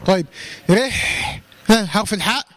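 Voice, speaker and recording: A man with an Egyptian accent teaching a Quran recitation lesson. He quizzes his listeners, answers his own questions and draws out words slowly to demonstrate them. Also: sits high. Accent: Egyptian Arabic. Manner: slowly drawn-out recitation demos.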